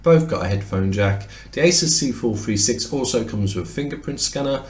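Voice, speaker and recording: A man's voice: medium pitch, animated, fairly quick. A man losing his voice, talking casually and explaining as he compares two laptops in a review, now and then correcting himself mid-word. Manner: explanatory, conversational, occasional self-corrections. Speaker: tech reviewer. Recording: roomy echoey room sound.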